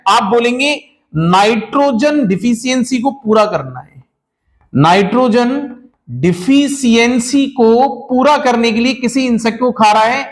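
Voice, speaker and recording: A male teacher with an extremely high-pitched voice lectures his class, calling the students children. He asks rhetorical questions constantly, restates the key points, and works English terms into his speech.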